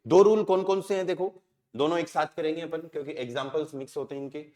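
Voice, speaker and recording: A man's voice: on the high side, steady tone, quick pace, mellow, echoey room. A man with an Indian accent teaching a language class. He keeps asking the students questions and answering them himself. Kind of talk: classroom lesson.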